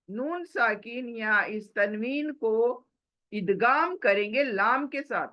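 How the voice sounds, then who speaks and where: A woman teaching a tajweed class, patiently explaining rules step by step and sounding out recitation examples slowly, mixing English words into her talk. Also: on the high side, bright, forceful tone, muffled recording. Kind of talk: slow step-by-step recitation lesson.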